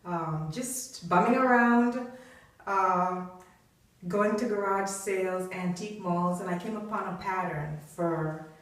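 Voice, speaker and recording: A woman's voice: on the low side, slow pace. A middle-aged woman from Trinidad and Tobago, a business professor speaking as an interview guest, talking thoughtfully with frequent fillers. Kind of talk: conversational interview. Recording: echoey room, distant mic.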